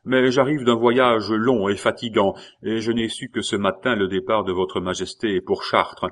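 A man's voice: lowish voice, fairly even intonation, moderate pace, lightly acted. A man reading the lines of a proud, dignified young nobleman in a storybook. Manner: dignified, respectful.

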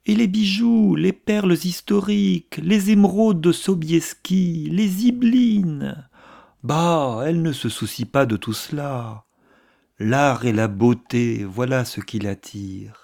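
A man reading a novel aloud, voicing an effusive, gossiping older aristocratic woman with theatrical, hushed asides. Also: medium pitch, slow pace.

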